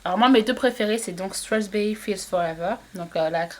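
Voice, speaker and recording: Talking fairly quickly in a mid-range voice, a woman reviews her beauty haul on camera in a casual vlog style, often hesitating with fillers and starting over.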